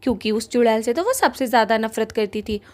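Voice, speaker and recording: A woman narrating a cartoon ghost story in a lively storytelling manner. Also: a little high, fairly quick.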